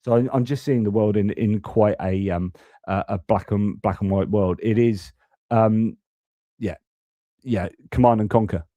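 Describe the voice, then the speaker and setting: A young British host of a live news stream speaks at a measured pace in a fairly low, mellow voice, ranting casually about politics with frequent restarts and stammered repeats. There's no echo, though the high frequencies are cut off.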